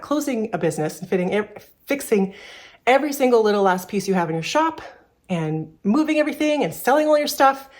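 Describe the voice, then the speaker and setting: A woman in her thirties from Canada, a furniture repair shop owner, talking candidly to camera in a personal vlog, a little out of breath and rambling with restarts. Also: medium pitch.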